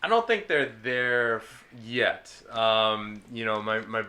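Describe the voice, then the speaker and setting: A man's voice: fairly low pitch, lively intonation, slow, bright, forceful tone. A man speaking as a podcast guest in casual chat, laid-back and hesitant, often trailing off mid-thought.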